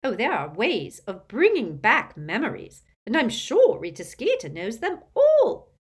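A woman's voice: fairly high pitch, wildly swooping pitch, unhurried, breathy edge, pitched above the performer's own voice, heavily acted. A woman voicing a tactless, gossiping old great-aunt who is a little tipsy, with a blunt, testy manner. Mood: gossipy.

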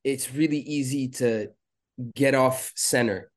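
A man from Lebanon talking as a podcast guest in a relaxed, rambling way with lots of fillers. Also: medium pitch, slow pace. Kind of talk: casual interview chat.

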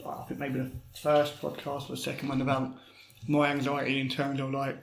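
A man's voice: medium pitch, monotone, a little fast, gravelly, slight background noise. A man co-hosting a podcast, rambling casually with lots of fillers and a jokey touch. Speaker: podcast co-host. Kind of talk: casual chat. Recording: roomy echo.

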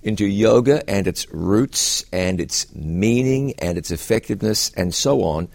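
A man who is a pastor and host, interviewing a guest with curious, quick follow-up questions and frequent restarts. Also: lowish voice, animated, vocal fry, a little mellow.

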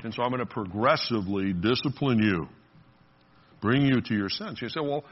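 A man's voice: lowish voice, normal speed, breathy edge, dull audio. A man preaching a sermon in a conversational way, laughing often and putting on playful voices for quotes. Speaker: pastor.

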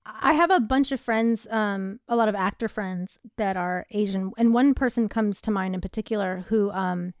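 A woman chatting casually on a podcast, animated and full of "like" fillers, acting out quotes as she talks. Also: medium pitch, clean tone, no echo, clean studio sound. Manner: animated, quick asides with acted quotes; frequent fillers like "like". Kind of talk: casual conversation.

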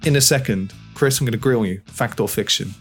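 A man hosting a podcast, talking in a relaxed, chatty way with plenty of fillers. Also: medium pitch, brisk, music in the background. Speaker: podcast host. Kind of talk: casual chat.

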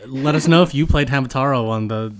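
A woman hosting a casual podcast, relaxed and laughing often as she asks her guest many questions. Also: extremely low pitch, brisk, crowd noise. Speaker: podcast host.

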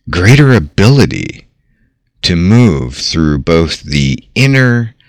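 Very slow, deep-voiced man guiding a visualization. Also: no room sound, studio quality. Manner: measured, theatrical, with long dramatic pauses. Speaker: host. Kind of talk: slow guided visualization narration over music. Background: soft background music.

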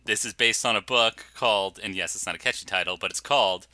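A man's voice: fairly low pitch, fast, bright, forceful tone, no room sound. A man co-hosting a podcast in casual chat, dry joking asides and easy laughs. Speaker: podcast co-host.

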